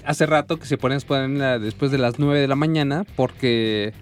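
A man's voice: mid-range voice, normal speed, faint music behind. A man with a Mexican accent co-hosting a live radio show, chatting casually and sending greetings to listeners. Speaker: radio co-host.

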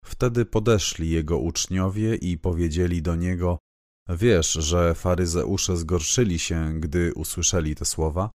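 A man reading scripture aloud in a measured, even, solemn way. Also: deep voice, no echo, studio quality. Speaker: Bible reader.

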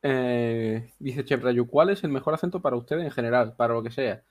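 A man's voice: mid-range voice, normal speed. Laid-back Melillan podcast co-host, male. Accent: Melillan Spanish. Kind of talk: casual chat.

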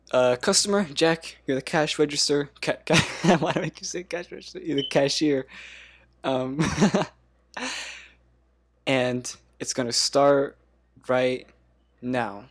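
A man's voice: medium pitch, slow, pauses often. A man hosting a casual podcast game, explaining with many ums and laughing often. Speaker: podcast host.

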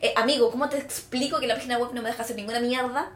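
A woman's voice: on the high side, fairly even intonation, rapid-fire, fairly bright tone, a little hiss or hum. A young woman with a Chilean accent, co-hosting a podcast and telling a story in casual chat, acting out quoted dialogue and swearing casually. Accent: Chilean Spanish. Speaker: podcast co-host. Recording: echoey room.

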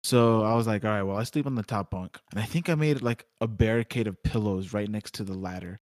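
A man's voice: fairly low pitch, a little fast, a little mellow, dry recording, clean studio sound. A young man chatting casually, reacting and joking. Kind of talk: casual chat.

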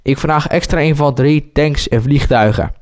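A man voicing a male army captain who gives brisk orders, his voice raised a little above his own. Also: on the high side, a little mellow, voice pushed up, close to an everyday voice. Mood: commanding.

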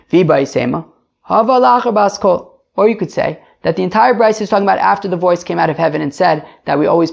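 Talmud teacher, man, gravelly, animated, dull lo-fi recording. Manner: animated explaining, lively pitch jumps for emphasis. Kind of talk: daily Talmud lesson. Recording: dull lo-fi sound.

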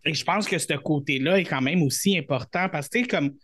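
A man's voice: on the high side, fairly quick, fairly bright tone. A man with a Québécois French accent hosting a podcast, chatting casually and hesitantly with lots of fillers. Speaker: podcast host. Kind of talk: casual chat.

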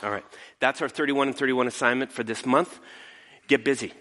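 A male pastor giving a casual sermon, retelling a story in an animated way. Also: mid-range voice, brisk, big-room sound. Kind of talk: conversational sermon.

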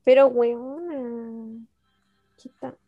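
A young woman with a Chilean accent, co-hosting a casual podcast chat, animated, laughing often and swearing casually. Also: fairly high pitch, very slow, muffled recording, faint music behind. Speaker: podcast co-host.

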